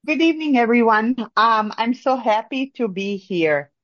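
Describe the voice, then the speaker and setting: A woman from Bosnia, speaking in a halting way with many pauses and fillers as a caller in a phone-in discussion. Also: on the high side, expressive, a bit bright, dry recording. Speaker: caller sharing experience. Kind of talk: casual phone-in talk. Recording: muffled lo-fi line.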